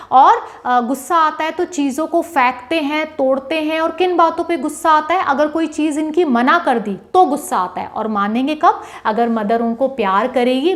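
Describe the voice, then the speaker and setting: A homeopathy teacher with a high voice gives a lively, animated explanatory lecture in Hindi, mixing in English terms. She acts out a child's pleading demands and often asks "है ना?" to check her listeners are following.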